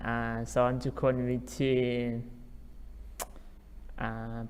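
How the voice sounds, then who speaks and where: Very slow-talking man teaching vocabulary. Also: medium pitch, monotone, smooth. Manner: repeats each English word slowly several times. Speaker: English teacher. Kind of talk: vocabulary lesson. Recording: long hall reverb.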